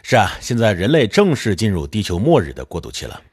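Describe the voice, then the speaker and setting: Man voicing a TV anchor, low voice, swooping announcer tone, audio drama. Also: huge pitch swings, quick pace, exaggerated voice. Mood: announcing. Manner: smooth announcer delivery. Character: glib male TV news anchor.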